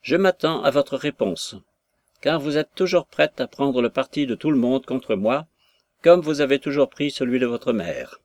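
A man's voice: medium pitch, expressive, moderate pace, darkish tone, no echo, natural voice. A man reading aloud, voicing a quarrelsome old country father who fires indignant, accusing questions.

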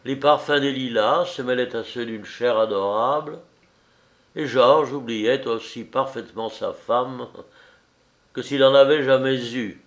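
A man narrating a classic novel in a measured, expressive storytelling voice. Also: medium pitch. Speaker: audiobook narrator. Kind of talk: literary reading of a classic novel.

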